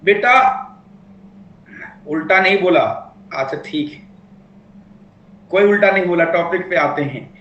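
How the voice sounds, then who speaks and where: A man teaching law in a classroom lecture, playful and teasing, slowly dictating key points to his students. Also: high voice, a bit bright, reverberant, lo-fi sound.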